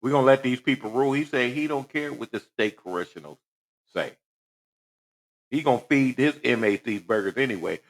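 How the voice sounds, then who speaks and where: A man's voice: medium pitch, fairly quick. A man hosting reaction commentary on a news clip, talking in a preachy way and firing rhetorical questions. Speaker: commentary host.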